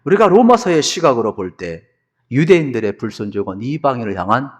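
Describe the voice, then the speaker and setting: A man's voice: mid-range voice, brisk, slightly rough. A male pastor delivering a televised sermon in a church, telling the story vividly and acting out its scenes. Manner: animated storytelling, acts out scenes. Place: church sanctuary.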